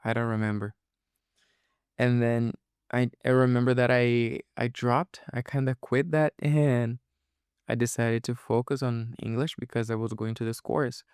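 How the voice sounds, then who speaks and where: A Portuguese-speaking man with a medium-pitched, slightly mellow voice hosts a casual solo podcast, explaining things informally and often checking that listeners follow along. He's a podcast host and English teacher, speaking unhurriedly with fairly even intonation. The tone is clean, with no echo and clean studio sound.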